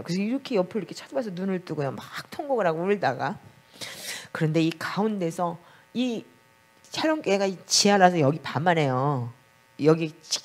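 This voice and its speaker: Animated woman pastor giving testimony. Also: on the low side. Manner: emotional storytelling, voice rises when praying aloud. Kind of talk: sermon with personal testimony. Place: basement prayer room of a small church.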